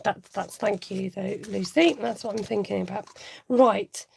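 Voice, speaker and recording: A woman in her forties talks through a budgeting livestream from home in a chatty, giggly way, reading out viewer comments as she goes. Her voice is gravelly and a little husky, sitting at an ordinary middle pitch for a woman. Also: unhurried, a little mellow. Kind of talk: casual livestream chat.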